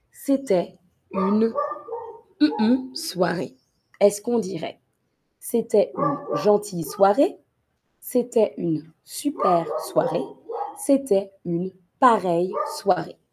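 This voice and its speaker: A woman teaching a live online vocabulary lesson, slowly repeating each word and example for learners and greeting viewers by name. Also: mid-range voice, animated, noisy background. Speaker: French teacher.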